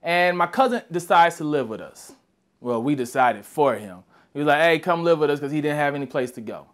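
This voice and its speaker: A young man with a fairly high voice gives a motivational talk. He tells his story with lively energy and acts out the other people's voices as he goes. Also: a little fast. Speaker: motivational speaker.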